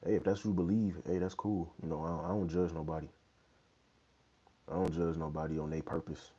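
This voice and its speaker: A laid-back young man with a very deep voice hosts a fitness livestream, doing casual Q&A chat in loose slang and saying "you know what I'm saying" a lot. His tone is level, warm and slightly rough, and he talks briskly. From a small bedroom, a wired earbud mic with the phone held low gives dull lo-fi phone audio.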